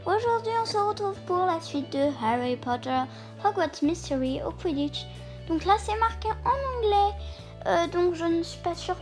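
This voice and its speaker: Woman, high voice, casual gameplay commentary, stumbles and restarts while reading on-screen text. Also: lively intonation, moderate pace, music in the background. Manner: reads game text aloud with many hesitations. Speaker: gaming video creator. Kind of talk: casual let's-play commentary.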